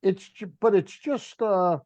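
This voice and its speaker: A man's voice: high-pitched, measured pace, darkish tone, dry recording. An older man hosting a sports talk show in a chatty, rambling way that trails off mid-list. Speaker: radio sports talk host. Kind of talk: casual sports talk with live ad read. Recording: dull, dry, lo-fi studio sound.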